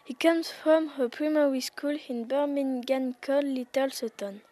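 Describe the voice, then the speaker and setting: Schoolgirl narrator, school play, announcing, high voice. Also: fairly even intonation, normal speed, mellow, slight background noise, natural voice.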